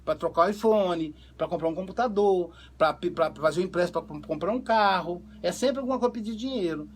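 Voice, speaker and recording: A man, a psychoanalyst talking through family cases in a lively conversational way and acting out the quoted dialogue. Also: sits high, fairly quick, a little hiss or hum. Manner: animated storyteller, acts out quoted dialogue. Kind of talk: conversational talk on family relationships.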